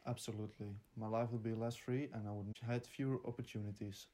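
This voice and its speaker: Teen male interviewee from the Netherlands, earnest and plain, a touch low, darkish tone. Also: fairly even intonation, quick pace, warm tone. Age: teens. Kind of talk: answering interview questions.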